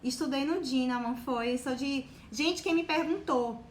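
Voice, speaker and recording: A woman from Bahia, Brazil, speaks Bahian Portuguese in a high voice at a measured pace. As a guest on a live stream about exam preparation, she gives a casual motivational talk to the audience, warm and encouraging and full of fillers like "né" and "tá". The room is echoey, with faint background noise.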